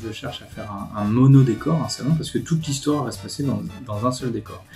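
Medium in pitch and fairly quick, a man's voice explains things in a relaxed, conversational vlog to camera. He's a video host and animator, indoors in a living room with a desk, with guitar music behind the voice.

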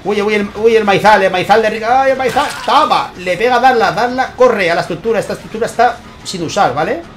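A man with a Spain Spanish accent, hosting his channel and commentating a tournament match, excitable and constantly checking in with his viewers. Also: high voice, a little fast, faint music behind. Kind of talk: gameplay commentary.

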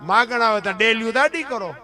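A man's voice: very high voice, brisk. A man giving a folk dayro talk, asking his listeners rhetorical questions and calling them bapu. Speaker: folk literary speaker. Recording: guitar music playing behind.

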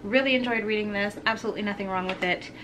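A young book vlogger chats frankly and casually about books she's giving away in an unhaul, recorded in a room at home. Her medium-pitched voice races along, sounding a little congested with a slightly sore throat, over a noisy background.

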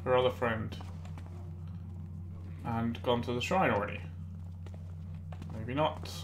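A man with a medium-pitched voice musing his way through a casual game commentary. He hesitates as he thinks aloud, with loud ambient game noise behind him. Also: slow. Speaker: let's play host.

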